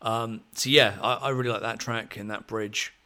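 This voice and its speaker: A man hosting a podcast, chatting about music in a relaxed, thoughtful way with plenty of ums. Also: fairly low pitch, moderate pace. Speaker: podcast host. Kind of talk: casual music chat.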